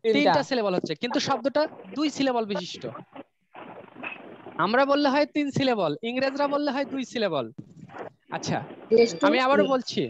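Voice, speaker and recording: A man's voice: very high-pitched, lively intonation, normal speed, pauses often. A male schoolteacher with a Bangladeshi Bengali accent, teaching a classroom English lesson. He explains step by step and keeps quizzing his pupils. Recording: dull lo-fi sound with loud room noise.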